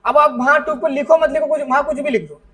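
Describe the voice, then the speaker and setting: Man teacher with a high voice, patient step-by-step explainer, miked from a little distance in a classroom. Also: steady tone, fast, a bit bright. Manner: explains step by step, often checks understanding with "ठीक है". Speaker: computer teacher. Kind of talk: classroom software lesson. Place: classroom with students present.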